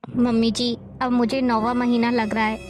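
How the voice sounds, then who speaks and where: A woman's voice: fairly high pitch, flat delivery, normal speed, over music, natural voice. A woman playing a young pregnant daughter-in-law who pleads politely in a family drama. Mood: pleading.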